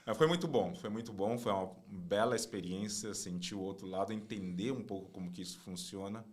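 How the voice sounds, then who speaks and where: Deep-voiced man from Taiwan. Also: brisk. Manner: storytelling, tagging "né?". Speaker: guest, consulting partner. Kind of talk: relaxed interview conversation.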